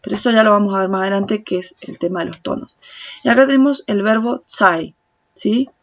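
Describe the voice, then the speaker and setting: A woman with a Rioplatense Spanish accent who teaches Chinese in a patient tutorial, repeating sounds slowly and speaking directly to the viewer. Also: medium pitch, dull audio. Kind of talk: slow step-by-step tutorial explanation.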